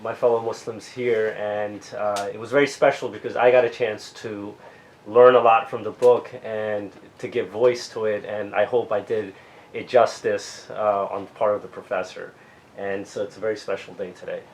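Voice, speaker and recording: A man's voice: on the low side, level tone, normal speed, slight background noise, low-quality recording. A man, a student who tutored the group, introducing himself modestly with fillers. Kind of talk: self-introduction.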